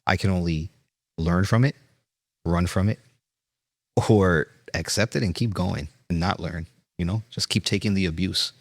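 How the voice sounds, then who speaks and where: Deep-voiced New York chef telling his story. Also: normal speed, pauses often, dry recording, clean studio sound. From Brooklyn. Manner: reflective, earnest, frequent fillers and restarts. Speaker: chef, guest. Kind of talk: storytelling interview.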